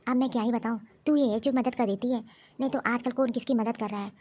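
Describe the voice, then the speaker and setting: A grasping middle-aged mother from a cartoon story, played by a woman, coaxing and pleading in a high voice. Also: steady tone, fast, a little mellow, lightly acted. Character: scheming middle-aged mother over the phone. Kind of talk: animated story voice acting.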